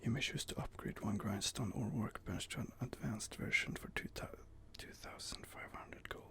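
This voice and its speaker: A man with a lowish voice whispers softly at a normal speed, giving casual gaming ASMR commentary. He reads out game options and muses over them.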